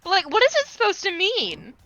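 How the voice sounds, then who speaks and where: A woman's voice: very high-pitched, wildly swooping pitch, fairly quick, pushed and bright, muffled recording. A woman in a casual group reading who jokes and sounds exasperated, laughing often.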